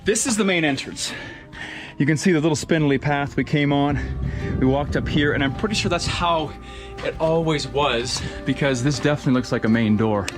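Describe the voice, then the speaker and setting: A man's voice: fairly high pitch, moderate pace, music in the background. Eager man exploring a ruin, raised voice. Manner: eager, wondering aloud, keeps saying look. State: slightly out of breath. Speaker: adventure vlogger. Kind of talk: excited exploration vlog. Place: outdoors at a hilltop castle ruin.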